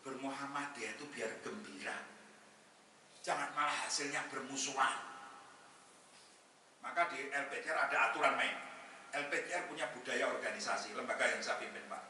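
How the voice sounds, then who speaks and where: A man's voice: medium pitch, normal speed, long pauses, recorded from a distance. A man giving a humorous religious talk to a gathering, joking with the audience and quoting Arabic verses. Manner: jokey, lively, mixes Arabic verses with banter. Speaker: head of a national Muhammadiyah institute, guest speaker. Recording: echoey hall, voice from afar, faint noise.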